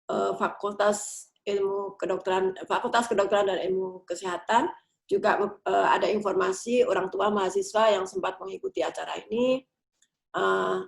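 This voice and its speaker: A woman's voice: mid-range voice, vocal fry, reverberant. A middle-aged woman guest lecturer giving a formal opening address over a video call. She is polite and formal, with occasional fillers.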